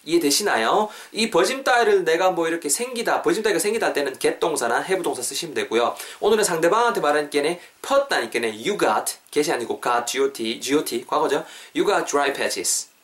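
A man's voice: on the high side, animated, a bit bright. Man teaching English phrases. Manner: repeats English phrases slowly, then explains quickly. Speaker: English teacher, podcast host. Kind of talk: podcast English lesson.

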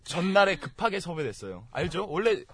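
Fast-talking husky man, arguing. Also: sits high, very animated, fairly bright tone. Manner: argumentative, teasing. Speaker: panelist. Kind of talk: heated comic debate.

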